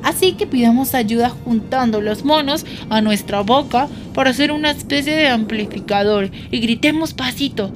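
A woman telling a guided yoga adventure story for children, leading breaths and moving between hushed whispers and excited cheers. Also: a little high, normal speed, hardly any pauses, over music.

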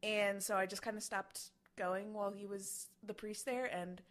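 A woman's voice: mid-range voice, flat delivery, normal speed, a crowd in the background. A woman in her twenties co-hosting a podcast, chatting casually with many fillers and restarts. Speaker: podcast co-host. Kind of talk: casual chat.

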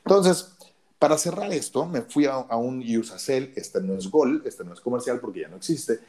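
A radio announcer with a Mexican Spanish accent tells his story in an expressive, casual chat, voicing the dialogue himself. His deep voice is a little mellow, and he moves at a moderate pace.

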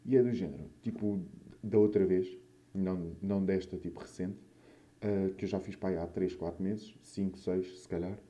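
Dark-voiced young Portuguese man, rambling casually. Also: low voice, fairly even intonation, normal speed, highs cut off. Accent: European Portuguese. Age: young adult. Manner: slangy and sweary, informal. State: mouth still a bit swollen after wisdom tooth removal. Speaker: podcast or vlog host. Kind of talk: casual solo chat, rambling anecdotes.

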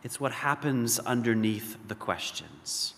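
A man preaching a sermon as pastor, slow and deliberate, swelling to emphatic peaks and dropping to hushed lows. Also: animated. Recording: reverberant hall.

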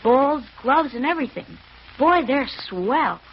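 A high, peppy boy in radio ad. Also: expressive, measured pace. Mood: peppy, eager. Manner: gee-whiz, peppy. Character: eager, chirpy all-American boy pitching prizes. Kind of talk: old radio commercial acting. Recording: muffled, hissy old radio broadcast.

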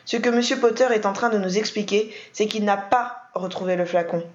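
Woman voicing a young widow on the edge, high and sharp; roomy dull sound. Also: a little fast, lightly acted. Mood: tense. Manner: brittle, then screaming. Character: shaken young widow, volatile.

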